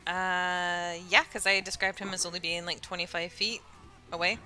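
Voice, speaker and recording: A woman's voice: on the low side, little pitch movement, moderate pace, sharp tone, clean tone, faint music behind. Giggly woman running a tabletop game. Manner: giggly, laughs often while narrating. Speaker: dungeon master.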